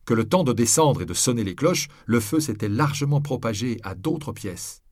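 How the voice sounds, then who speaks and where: A man reading a novel aloud in the first person, with steady, measured storytelling. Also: fairly low pitch, no echo, studio quality. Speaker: audiobook reader. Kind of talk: scripted novel narration.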